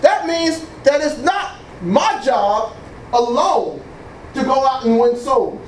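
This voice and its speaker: In a church hall, a pastor preaches slowly and with animation, his voice booming as he exclaims praise to God and leads call-and-response. His microphone is off, so the audio is distant, echoing and carries faint noise.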